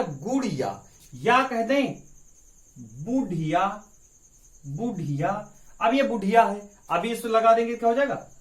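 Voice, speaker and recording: A male teacher giving an exam-prep grammar lesson, asking rhetorical questions and answering them himself as he drills the points. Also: sits high. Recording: echoey room with crickets outside.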